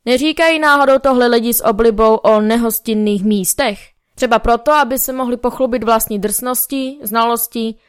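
A woman reading a novel aloud as first-person narrator, in a measured, wry storytelling manner, close to the mic. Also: on the high side, clear, resonant tone, no echo. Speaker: audiobook narrator.

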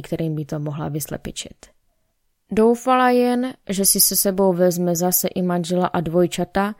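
A woman reading a story aloud in a calm, wry manner, voicing the characters' dialogue herself. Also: lowish voice, no echo, clean studio sound. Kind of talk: audiobook narration with dialogue.

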